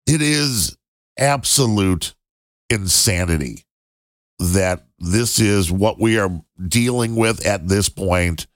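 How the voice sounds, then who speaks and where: A man's voice: fairly low pitch, fairly bright tone, no room sound. Dry, sarcastic man ranting. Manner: sarcastic, exasperated, laughs at the news. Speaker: podcast host. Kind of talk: opinion commentary. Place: home studio in Illinois.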